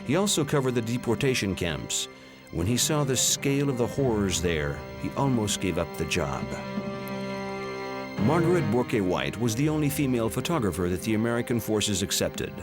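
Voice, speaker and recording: Solemn low-voiced male documentary narrator. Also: sing-song. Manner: measured, solemn. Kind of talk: scripted narration. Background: music.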